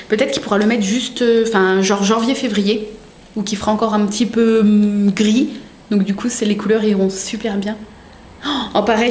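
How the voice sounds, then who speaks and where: A woman's voice: medium pitch, a little mellow, a little hiss or hum. Gushing young woman in a roomy room. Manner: gushing, chatty, full of fillers. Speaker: vlogger. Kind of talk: casual unboxing chat.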